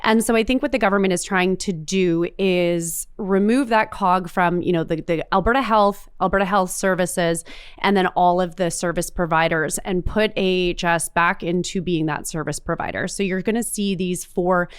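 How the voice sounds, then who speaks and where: Chatty woman with a smooth voice. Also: on the low side, steady tone, moderate pace, dry recording, studio quality. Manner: chatty, hedging with fillers. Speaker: podcast co-host. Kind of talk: casual political chat.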